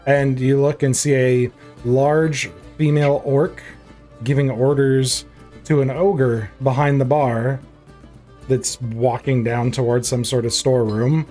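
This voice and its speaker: A man's voice: mid-range voice, steady tone, slow pace, mellow, faint music behind. A man improvising narration as game master of a tabletop fantasy game.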